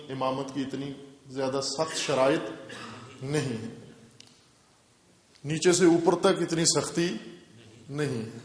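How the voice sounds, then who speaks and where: A male Islamic scholar giving a religious lecture with a Pakistani Urdu accent, explaining step by step and repeating key terms for emphasis. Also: a little high. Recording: echoey hall reverb.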